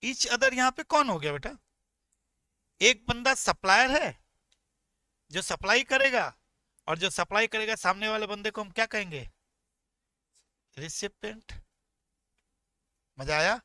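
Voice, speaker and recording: A male tax teacher giving an energetic, joking classroom lecture, talking straight to his students. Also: high-pitched, a little slow, pauses often, no echo.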